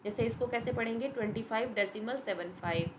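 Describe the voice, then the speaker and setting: A woman's voice: on the high side, fairly quick, background noise. A woman teacher giving a patient, step-by-step revision lesson to young students, mixing Hindi and English. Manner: patient, explains step by step, addresses students as beta.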